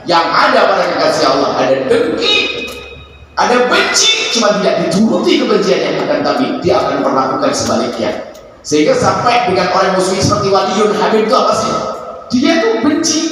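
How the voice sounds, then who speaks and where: Male preacher, animated sermon, voices the people he quotes; distant mic, long hall reverb. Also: high-pitched, fairly quick, slight background noise. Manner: animated, acts out quoted prayers and neighbors. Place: large mosque hall. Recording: echoey hall, far from the mic.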